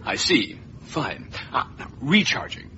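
A man's voice: a little high, sing-song, a little slow. An actor playing a prim android man newly turned human, talking in a fussy, formal way as a robot faking human ways. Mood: puzzled. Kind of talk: sitcom acting. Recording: dull TV sound with audience laughter and noise.

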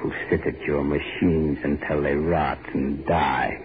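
A bitter old servant, super deep, mocking, scratchy old radio recording. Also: male voice, level tone, a little slow, narrow, tinny audio. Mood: hateful taunting. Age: older. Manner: grim, taunting. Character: bitter old male island servant, hateful. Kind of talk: 1940s radio acting.

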